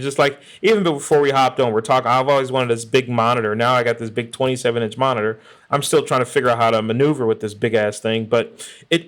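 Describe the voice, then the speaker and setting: A man's voice: mid-range voice, a bit bright. A man co-hosting a podcast in casual chat, blunt and salty, often saying "you know what I mean". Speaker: podcast co-host.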